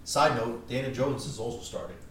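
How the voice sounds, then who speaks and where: A man's voice: mid-range voice, brisk, a little hiss or hum. A young man co-hosting a podcast, talking sports in a laid-back way with casual swearing. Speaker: podcast co-host. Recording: echoey room from far off.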